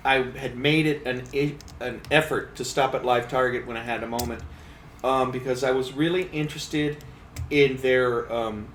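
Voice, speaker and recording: A man's voice: medium pitch, steady tone, normal speed, a bit bright, far from the mic, a little hiss or hum. A man hosting a casual chat about fishing tackle at a trade show, thoughtful and full of ums and restarts. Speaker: podcast host, fishing editor. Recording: roomy, off-mic, faint hall ambience.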